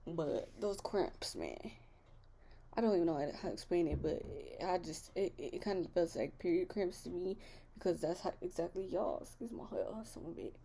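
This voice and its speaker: Chatty young woman, mellow voice. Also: on the low side, lively intonation, brisk, creaky, a little hiss or hum. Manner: chatty, candid, talks straight to viewers with many fillers. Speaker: vlogger. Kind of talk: casual chat.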